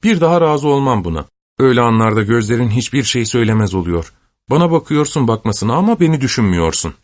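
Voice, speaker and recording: A man's voice: mid-range voice, animated, fast talker, darkish tone, no echo, studio quality, natural voice. A man voicing a lovestruck young woman in an audiobook, speaking earnestly with a coaxing, slightly pouting manner. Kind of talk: audiobook character reading.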